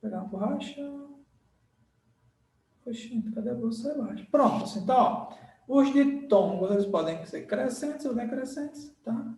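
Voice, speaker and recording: A man's voice: very high voice, expressive, normal speed, a little mellow, recorded from a distance. A male teacher gives a grammar lesson at a board. He repeats words and checks in often to make sure the class follows. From Brazil. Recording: echoey room, voice off-mic.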